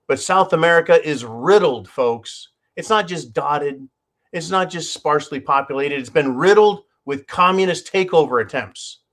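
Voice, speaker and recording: This channel host is a man whose mid-range voice carries a fairly bright tone. On his own show, he offers sarcastic, profane takes on the news and frequently addresses the audience as "folks."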